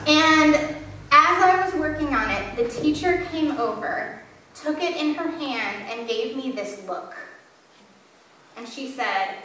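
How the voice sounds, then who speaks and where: Captured from afar in a very echoey church sanctuary with slight background noise, a woman pastor preaches with a high-pitched, bright, forceful voice. Her sermon takes a candid, self-deprecating storytelling approach.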